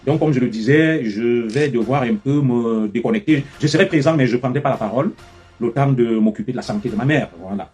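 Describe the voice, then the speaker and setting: Tired husky man hosting a call-in. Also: medium pitch, darkish tone, soft background music. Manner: measured, repeats himself, closes with "voilà". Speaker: live-stream host taking calls. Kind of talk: live call-in talk.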